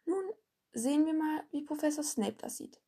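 A woman's voice: high-pitched, normal speed, dark tone, voice pushed up. A woman voicing a strict older woman professor who speaks carefully and tries to stay fair. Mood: measured.

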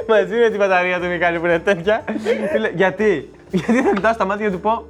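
A man's voice: sits high, over music. A young man joking and laughing in a casual chat among friends.

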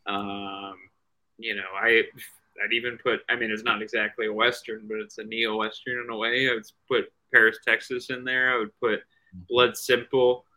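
Guest, male, low pitch, bright tone, rambling, restarts a lot. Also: flat delivery, normal speed, rough recording. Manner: rambling, many restarts and "you know"s. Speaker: guest comic writer. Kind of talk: casual video-call interview.

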